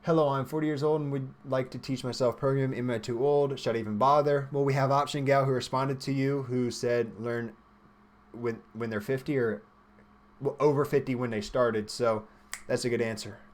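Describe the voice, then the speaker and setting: At medium pitch and normal speed, with a steady tone, a twentysomething man hosts a livestream. The software developer reads viewers' questions and answers them casually, thinking out loud as he goes.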